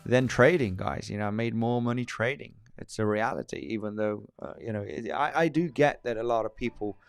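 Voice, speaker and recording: Male livestream host, deepish clean voice, rambly, soft music behind. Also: brisk, clean tone, no echo, clean studio sound. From Spain. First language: Spanish. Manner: rambling, frequent restarts, reads viewer comments aloud. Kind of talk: casual livestream chat.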